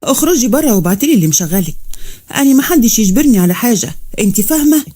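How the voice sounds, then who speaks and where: A man's voice: sits high, sing-song, very fast, mellow. A woman voicing an arrogant, injured male police officer who speaks curtly and rudely, with an Egyptian accent. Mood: arrogant, angry. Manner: curt, rude and commanding.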